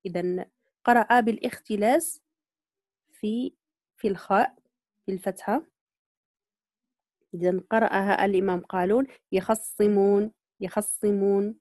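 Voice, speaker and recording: A woman teaching Quran recitation, patiently explaining readings, slowly modeling words and checking that students follow. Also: medium pitch, a little mellow, no echo. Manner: patient, repeats points and checks understanding. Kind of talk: online tajweed lesson.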